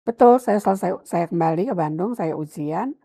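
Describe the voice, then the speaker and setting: Husky, mellow-voiced older woman pastor. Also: lowish voice, moderate pace. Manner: animated storytelling, acts out her mother's and her own past words. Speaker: pastor, interview guest. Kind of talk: telling her life story in an interview.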